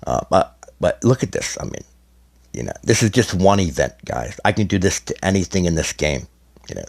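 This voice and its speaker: Deep-voiced man rambling about a game. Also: vocal fry. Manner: rambling, many restarts and fillers. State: slightly hoarse, losing his voice. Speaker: gaming content creator. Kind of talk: casual explanatory gaming video.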